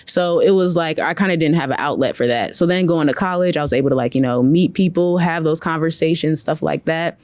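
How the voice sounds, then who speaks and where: A woman's voice: sits low, a little fast, few pauses, a little mellow, no room sound. A young woman from Cleveland talks as an interview guest, chatty and loose, with lots of "like" fillers. Her voice sounds dry and close to the mic, with no room around it. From from Cleveland, Ohio. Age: young adult. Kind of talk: casual interview conversation.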